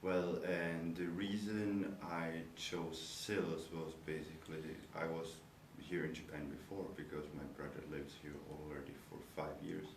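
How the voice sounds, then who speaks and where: A man's voice: very deep voice, little pitch movement, a little slow, hardly any pauses. A young man from the Czech Republic, Czech by first language, a university student answering interview questions in thoughtful, searching English. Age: young adult. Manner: thoughtful, searching for words, nonnative phrasing. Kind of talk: interview answers about his studies. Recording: echoey room, noisy background, mic far off.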